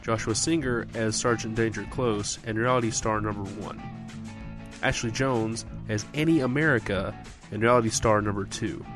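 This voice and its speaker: A man's voice: on the low side, normal speed. A man reading closing credits with dry, wry asides. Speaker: credits reader. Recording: music bed underneath. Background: guitar music.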